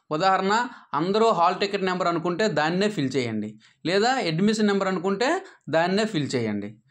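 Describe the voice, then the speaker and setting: A man walks listeners through an app screen by screen, in a somewhat high voice. He talks patiently and instructively, filling pauses with "aa". His sentences sink lower at the end. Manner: patient, instructive, with frequent "aa" fillers; drops pitch at sentence ends. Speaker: app tutorial presenter. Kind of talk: step-by-step screen tutorial narration.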